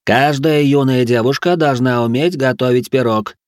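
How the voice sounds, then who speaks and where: Man doing shrill manic aristocrat, pompous, yelling orders, high pitch, loud. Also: normal speed, no echo, studio quality, natural voice. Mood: manic lecturing. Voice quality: shrill, squealing. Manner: barking orders, pompous, ranting. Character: shrill manic aristocratic male drill-sergeant cook. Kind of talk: audiobook character voice.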